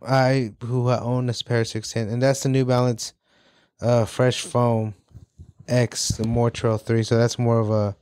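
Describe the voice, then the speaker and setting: A man's voice: mid-range voice, flat delivery, unhurried, a little mellow, clean tone, dry recording, clean studio sound. A man co-hosting a podcast, chatting casually about sneakers with loose, joking, slangy banter. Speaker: podcast co-host.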